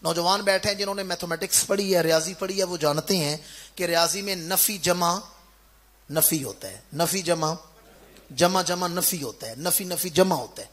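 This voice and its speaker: A man preaching a sermon to a village gathering, putting questions to his listeners and answering them himself, moving between loud declaiming and quiet explanation. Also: high-pitched. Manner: orator who quizzes the crowd and answers himself. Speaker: Islamic preacher. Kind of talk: Urdu sermon.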